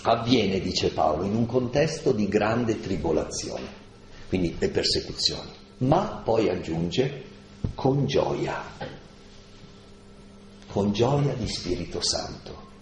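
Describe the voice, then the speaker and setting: A man giving a slow, deliberate lecture on scripture, stressing key words and asking rhetorical questions. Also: lowish voice, expressive, a little hiss or hum. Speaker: lecturer on Paul's letters. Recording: echoey room with faint ambience.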